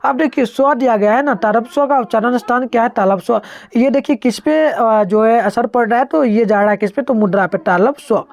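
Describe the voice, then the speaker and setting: Woman teacher, higher voice, dry close sound, patient step-by-step exam explainer. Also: brisk, a little mellow, no echo. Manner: explains step by step, has students try sounds aloud. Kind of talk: online exam-answer lesson.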